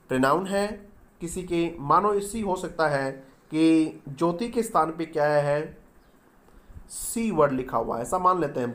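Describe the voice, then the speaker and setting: A man teaching a grammar lesson, who keeps asking the class questions and answering them himself and slowly spells out example sentences. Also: on the high side.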